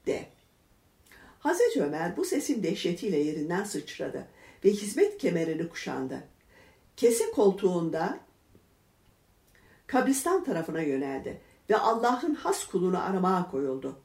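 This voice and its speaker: A woman reading a religious story aloud in a measured, expressive way, voicing the lines of its characters. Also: on the low side. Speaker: reader. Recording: echoey room.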